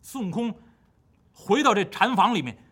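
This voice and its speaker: Animated male storyteller, lively and high. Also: moderate pace, slightly rough. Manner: animated, dramatic and rhythmic. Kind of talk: traditional Chinese storytelling.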